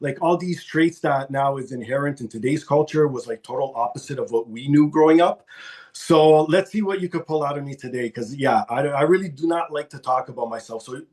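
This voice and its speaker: This time the Toronto podcast guest sounds mid-range and darkish, speaking slightly quickly. The middle-aged man chats at length in a casual interview, wandering off a bit, poking fun at himself and starting lines over.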